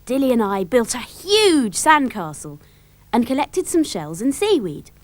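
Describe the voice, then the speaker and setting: A woman with a British accent narrating a children's storybook in a lively, expressive way. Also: a little high, unhurried, no echo.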